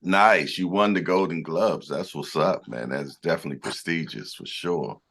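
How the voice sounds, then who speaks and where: A man's voice: rumbling low, moderate pace, creaky, fairly bright tone. A man hosting a boxing channel, interviewing a guest over a video call with upbeat, brief affirmations.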